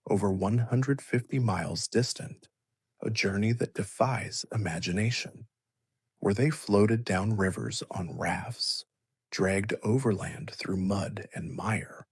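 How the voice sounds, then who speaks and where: A man narrating a scripted bedtime story as a sleep story narrator, in a soothing, measured, hushed delivery. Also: lowish voice, husky, no room sound, studio quality.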